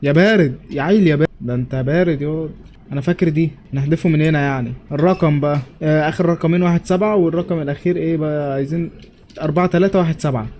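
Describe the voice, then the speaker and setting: A man's voice: a little high, racing, a little mellow, a little hiss or hum. A young man with an Egyptian Arabic accent, commenting on his game playthrough in a jokey way and talking back to the characters. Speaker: gamer. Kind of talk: let's play commentary.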